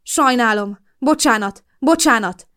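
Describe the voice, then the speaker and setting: A haunted young man from an audiobook spirals into panic, his words looping back on themselves. A woman reads him without disguising her voice. The delivery is loud and strained, climbing up in pitch. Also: animated. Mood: desperate. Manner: frantic, repeating himself. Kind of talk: audiobook character voice.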